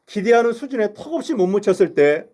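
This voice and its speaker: Male pastor, sermon delivery, fairly high voice, earnest rhetorical questions to the congregation. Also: very animated, fairly quick, warm tone. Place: church sanctuary.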